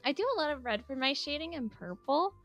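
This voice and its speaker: Animated and quick, this woman chats through commentary on her speedpaint in a high, light voice she raises above its normal pitch on mic. Her talk wanders, full of giggles and "like," over faint soft music.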